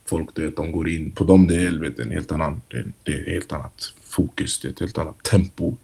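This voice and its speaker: A young man with a deep, husky voice talks loosely in a casual interview, scattering "you know" through his sentences and slipping into street slang. When he retells a scene from training, his voice climbs and he mimics the shouting, then he settles back into a low, unhurried drawl. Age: young adult. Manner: relaxed, animated when retelling, heavy "du vet" fillers and street slang. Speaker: youth football player, guest.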